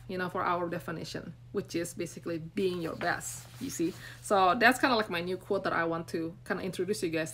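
Low-leaning with vocal fry and a bit of brightness, her voice carries slight background noise. An Indonesian brand coach in her forties, she hosts a live stream from her phone at arm's length in a small room, rambling unscripted to viewers with heavy fillers in an earnest, encouraging way.

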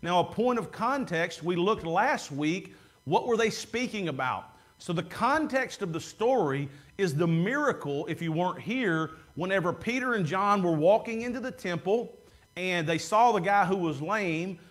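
A man's voice: high-pitched, animated, moderate pace. A man preaching a sermon from the pulpit in a church sanctuary, talking in a conversational way and drawing words out for emphasis, picked up by a camera at the back of the room. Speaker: pastor. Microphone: far camera at back of room.

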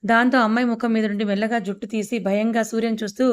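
A woman narrating an audio story, brisk and even. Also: on the high side, smooth.

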